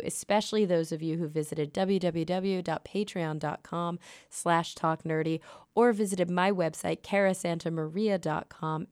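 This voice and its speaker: A woman's voice: on the low side, darkish tone, smooth, no echo. Upbeat woman podcast host, dry sound. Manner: brisk and upbeat, quick asides. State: a bit under the weather. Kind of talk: podcast intro and interview. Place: at a conference venue.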